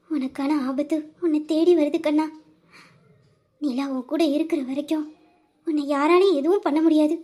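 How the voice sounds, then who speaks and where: A woman voicing a loving mother who softly consoles and reassures her crying son in an audio drama. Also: high-pitched, close to an everyday voice. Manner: soft, soothing, reassuring. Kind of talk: Tamil audio drama acting.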